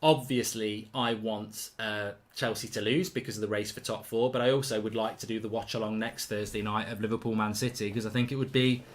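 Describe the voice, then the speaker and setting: A man hosts a live football watchalong, reacting to the play and reading out viewer messages. He's blunt and chatty, with some mild swearing, and his mid-range voice has a fairly bright tone.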